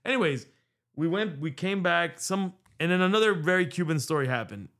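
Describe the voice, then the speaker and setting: A middle-aged American podcast host tells a long story in casual chat into a boom-arm studio mic, swearing freely and dropping in Spanish words. His voice is fairly high, animated, fairly quick and a bit bright.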